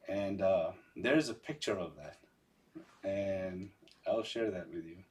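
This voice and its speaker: A man recounting personal memories in a halting, conversational way, often repeating phrases. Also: low-pitched, a little mellow, distant mic. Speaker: podcast guest.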